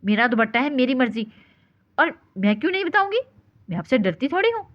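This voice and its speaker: A woman's voice: high-pitched, sing-song, a little fast. A woman doing a naive, stubborn young bride. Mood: stubborn pleading. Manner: childlike, pleading and stubborn. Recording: dull lo-fi recording.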